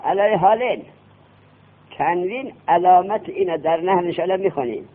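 A man teaching a classroom grammar lesson, quizzing his students with quick questions. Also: sits high. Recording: tinny lo-fi classroom recording.

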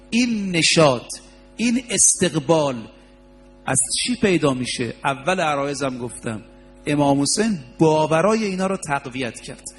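Persian male preacher telling a sermon. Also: fairly high pitch. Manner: storytelling with quoted dialogue, rising emphasis. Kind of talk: religious sermon.

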